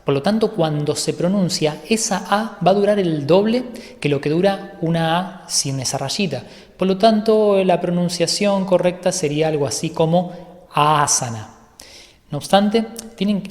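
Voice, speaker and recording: A male yoga teacher giving an online course lecture, explaining calmly and methodically and sometimes correcting himself mid-sentence. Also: sits high, long reverb tail.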